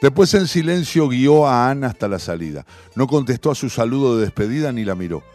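A man with a Rioplatense accent narrating a short story in a measured, expressive way. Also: medium pitch, soft background music. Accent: Rioplatense Spanish. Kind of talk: audiobook story reading.

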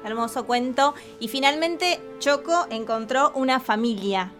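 A woman's voice: sits high, a little slow, a bit bright, faint music behind. A woman, a teacher co-hosting an educational radio show in a plain, friendly way.

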